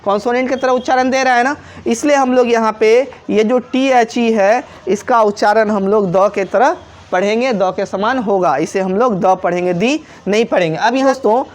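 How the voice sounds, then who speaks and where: A woman teaching a grammar lesson in Hindi at a board, repeating points and asking rhetorical questions, with examples. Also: a little high. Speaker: English teacher.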